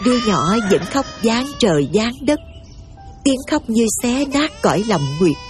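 A woman giving steady, emotive scripted story narration over faint music. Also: fairly high pitch, measured pace.

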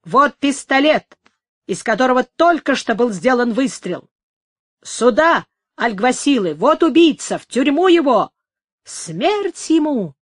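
A woman shouting as an angry street crowd. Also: high-pitched, very animated, a little slow, no room sound, clean studio sound, voice pushed up, exaggerated voice. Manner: shouting, drawn out.

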